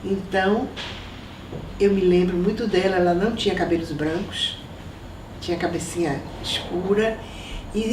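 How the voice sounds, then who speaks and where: An older woman from Salvador, recalling her family in an oral history interview at an unhurried pace. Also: medium pitch, recorded from a distance. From Salvador, Brazil. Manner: reminiscing, unhurried, with soft laughs. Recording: echoey room, voice from off mic, faint noise.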